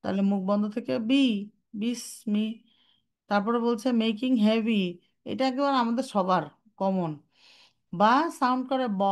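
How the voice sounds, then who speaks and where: A young woman gives a tajweed lesson at a middle pitch, talking patiently through each point. She poses questions to her students and answers them herself, with English words scattered through her explanations. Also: a little mellow. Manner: explains step by step, demonstrates sounds, asks and answers her own questions; mixes English terms into her speech. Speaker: Quran recitation teacher.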